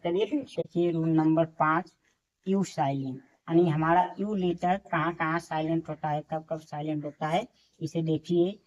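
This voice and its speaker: Lady teacher, lowish voice, spells words out slow and says them over and over. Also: steady tone, a little mellow, poor audio. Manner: spells words out letter by letter, slowly; repeats each word many times. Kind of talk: classroom lesson.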